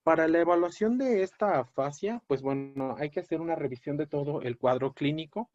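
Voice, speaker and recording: A man lecturing on a clinical topic in a measured, explanatory way, often pausing on fillers and correcting himself mid-word. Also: fairly high pitch, a little mellow, no room sound. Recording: dry, dull lo-fi audio.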